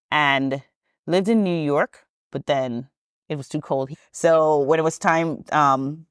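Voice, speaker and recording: A woman from Trinidad and Tobago, appearing as a podcast guest, tells her story in a chatty, rambling way, full of ums and self-corrections. Her voice is low, and the recording is dry with clean studio sound.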